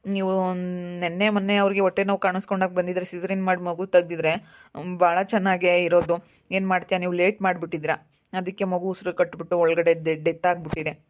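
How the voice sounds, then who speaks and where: A woman's voice: on the low side, level tone, fairly quick, muffled recording, close to an everyday voice. An actress playing a matter-of-fact woman doctor who delivers bad news bluntly.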